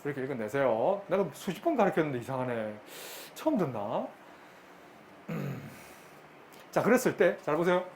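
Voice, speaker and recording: A man's voice: a little high, sing-song, slight background noise. Middle-aged man teaching math. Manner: brisk, bantering with students, repeats questions. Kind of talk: classroom lecture. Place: classroom.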